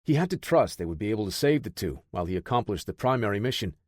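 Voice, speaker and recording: A man narrating an action audiobook in a steady, dramatic storytelling manner. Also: lowish voice, quick pace, no room sound, studio quality. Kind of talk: scripted narration.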